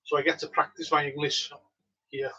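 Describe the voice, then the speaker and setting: Fairly high in pitch and at normal speed, a man with a Welsh accent chats casually while livestreaming his homebrew brewday from his home brewery. Relaxed and chatty, this native Welsh speaker from Wales answers viewers. The sound is lo-fi.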